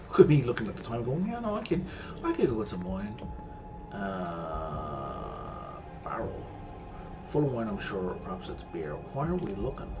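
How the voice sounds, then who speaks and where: With a lowish, unhurried voice full of vocal fry and wild pitch swoops, a streamer plays a mystery game in casual let's-play fashion. The audio is dull, game music plays behind him, and he mutters, thinks aloud, and explains history as he goes.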